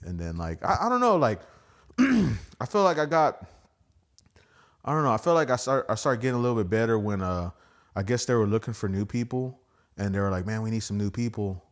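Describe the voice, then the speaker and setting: A man's voice: fairly low pitch, fairly quick. A man with a Texan accent, a stand-up comic guesting on a podcast, telling stories in casual chat and acting out other people's voices. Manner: animated storyteller, acts out others' voices.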